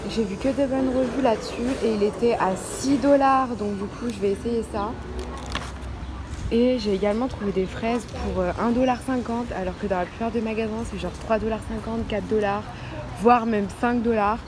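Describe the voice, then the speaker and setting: A woman's voice: fairly high pitch, fairly even intonation, normal speed. A young woman chatting casually as a vlogger, in slangy youth street speech with English asides. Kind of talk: casual vlog chat. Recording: car and ambient noise.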